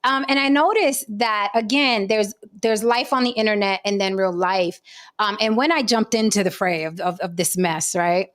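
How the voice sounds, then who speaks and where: Brief: forties woman, talk-show host, chatty storyteller, average pitch. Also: moderate pace, a bit bright. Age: 40s. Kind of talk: casual panel chat.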